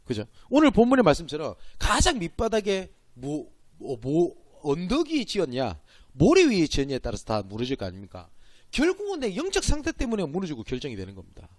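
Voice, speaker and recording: A man's voice: fairly high pitch, wildly swooping pitch, fairly quick, no room sound. A man with a Gyeongsang accent, a pastor giving a church training lecture, emphatic and asking and answering his own questions. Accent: Gyeongsang Korean. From Gyeongsang Province, Korea.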